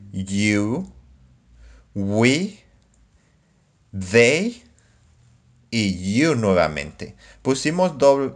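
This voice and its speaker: Slow, low-voiced male English teacher. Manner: slow, careful drilling of example phrases. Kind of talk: scripted online English lesson.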